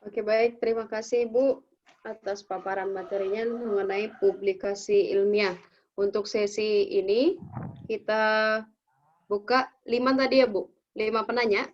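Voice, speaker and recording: A woman moderating an online question-and-answer session, brisk and polite. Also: medium pitch, level tone. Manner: brisk, polite, uses fillers like "oke, baik". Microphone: video call. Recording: muffled video call audio.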